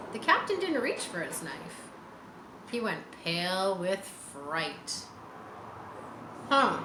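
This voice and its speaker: Filmed by a nearby camera in a bright room beside large windows, a woman in her forties reads a children's book with drama, explaining bits for young listeners. Her voice is mid-range, bright and forceful, and the audio sounds roomy with some background noise.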